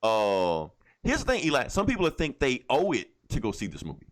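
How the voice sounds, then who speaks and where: Pitched in the middle but swooping wildly, a man speaks fairly quickly as a podcast co-host. It's relaxed, no-filter film chat, packed with curse words and an irreverent attitude.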